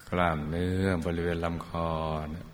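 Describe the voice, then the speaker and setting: A man leading a guided meditation, speaking gently and soothingly, drawing out his words with long pauses and calling listeners his children. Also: slight background noise. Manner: calls listeners "child" fondly. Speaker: meditation teacher. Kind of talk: slow guided meditation instruction.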